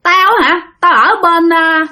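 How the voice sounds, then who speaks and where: A woman's voice: extremely high pitch, slow, bright, forceful tone, voice pushed up, exaggerated voice. A woman with a Southern Vietnamese accent voicing an angry old male ghost who scolds in a raised, commanding voice.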